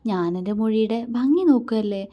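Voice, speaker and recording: A fond young husband teases and coaxes his wife, his tone playful and loving, as a woman storyteller voices him. The delivery stays close and gentle. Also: on the high side, brisk, close to an everyday voice. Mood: teasing. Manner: playful, coaxing. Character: affectionate teasing young husband.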